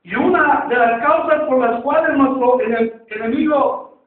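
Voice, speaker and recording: A man preaching in Spanish who tells a story to his congregation, with drawn-out, emphatic phrases, heard on a tinny, echoey recording from far off. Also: very high-pitched. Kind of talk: sermon with storytelling. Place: church.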